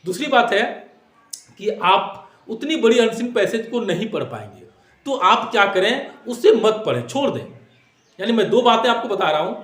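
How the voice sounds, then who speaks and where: A man teaching exam tips in a classroom style, repeating points and asking rhetorical questions while mixing in English phrases. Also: high voice. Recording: echoey room.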